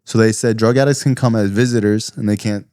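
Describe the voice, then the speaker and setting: A man's voice: fairly low pitch, fairly even intonation, fast, a little mellow, smooth, dry recording, clean studio sound. A man from South Florida, a guest on a podcast, talking loosely in casual conversation with lots of fillers and asides. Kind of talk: casual interview talk.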